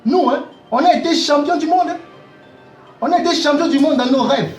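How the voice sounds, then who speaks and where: A man voicing a loud, scolding young man, repeating himself. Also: very high voice, fairly quick, reverberant, faint music behind. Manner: shouting, scolding, repetitive.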